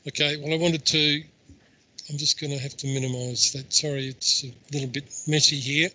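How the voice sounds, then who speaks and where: A man's voice: a little high, flat delivery, pushed and bright, rough recording. A man making a formal, methodical submission over a video call, his audio breaking up as he struggles to share his screen. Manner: methodical, indignant, halting restarts. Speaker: submitter addressing council.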